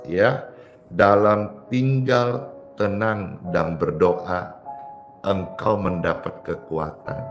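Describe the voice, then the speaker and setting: A man preaching as a pastor, emphatic, with dramatic swings in pitch and loudness and words repeated for emphasis. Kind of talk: emphatic sermon with prayer.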